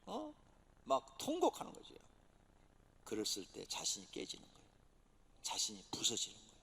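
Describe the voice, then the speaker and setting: A pastor preaching a dramatic sermon, swinging from loud exhortation to near-whisper, recorded in a church sanctuary. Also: male voice, fairly low pitch, wildly swooping pitch, brisk, gravelly, slightly rough. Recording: long church hall reverb.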